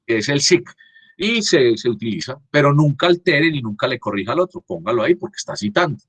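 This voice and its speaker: Husky-voiced male teacher, dry close computer mic, halting delivery with frequent restarts. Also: fairly high pitch, very animated, no room sound. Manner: halting, frequent restarts, checks understanding with "¿cierto?". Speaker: university teacher. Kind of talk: online class lecture. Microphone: computer mic on a video call.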